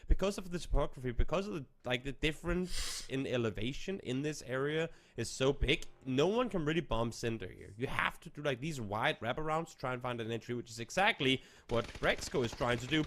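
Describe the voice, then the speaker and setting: A man calling live esports play-by-play in a steady way, lifting his energy when action breaks out. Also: medium pitch, fairly quick, few pauses. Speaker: esports caster.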